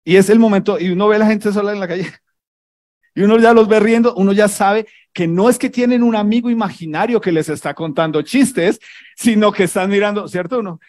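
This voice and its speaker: A man, a pastor, preaching a sermon in an animated, teasing way, firing off rhetorical questions. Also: high voice, brisk.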